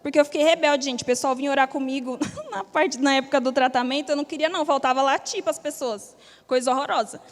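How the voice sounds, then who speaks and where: A young woman tells her personal testimony in a high, bright voice. She talks candidly, with plenty of casual slang. Her voice rings with the long reverb of a big church hall. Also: quick pace. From Brazil. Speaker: church member giving testimony.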